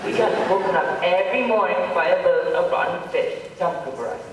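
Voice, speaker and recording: A man's voice: sits high, a little fast, lightly acted. A man on stage playing a boastful old man who tries to top others' hardship stories with mock-grim bragging. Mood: boasting. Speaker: amateur stage actor. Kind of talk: stage comedy sketch. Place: hall stage. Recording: echoey hall from far off, with noise.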